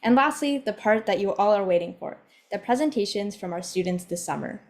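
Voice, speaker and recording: A woman's voice: medium pitch, expressive, brisk. A woman hosting an online symposium on a video call, giving a friendly, organized welcome with some fillers. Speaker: event host. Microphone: computer mic on a video call.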